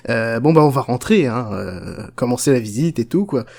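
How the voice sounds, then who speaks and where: A man's voice: mid-range voice, lively intonation, normal speed, vocal fry, darkish tone. A man playing a crude, unhinged chocolate factory owner, rambling, swearing and mocking in a comic parody.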